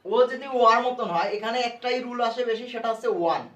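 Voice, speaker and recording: A man with a fairly high voice teaches grammar at a board, walking through each rule slowly and repeating himself. He stands away from the mic, so the sound is distant and the room echoes. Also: a bit bright, lo-fi sound. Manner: repetitive, step-by-step explaining. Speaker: English grammar tutor.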